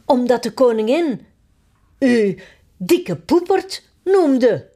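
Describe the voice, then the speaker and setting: A woman's voice: on the high side, sing-song, slow, warm tone, voice pushed up, full character voice. A woman reading a storybook aloud and voicing a patient, weary male footman who explains things hesitantly. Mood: explaining.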